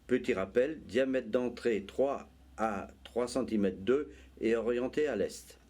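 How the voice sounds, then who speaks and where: A man giving measured, explanatory nature documentary narration as an amateur filmmaker. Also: mid-range voice, darkish tone.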